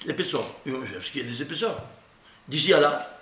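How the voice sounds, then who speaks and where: A man leads an animated Torah lesson as a rabbi, firing questions and counting through numbers aloud. His voice sits high and bright, swinging widely in pitch. The room is echoey. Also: a little fast, a little hiss or hum. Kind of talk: lively Torah lesson with gematria.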